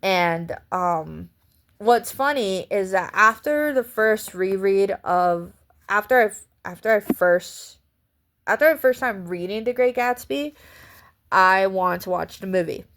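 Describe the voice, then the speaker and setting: A woman's voice: mid-range voice, slow pace, a bit bright. A woman giving a casual vlog book review in a chatty, rambling way, often breaking into laughs.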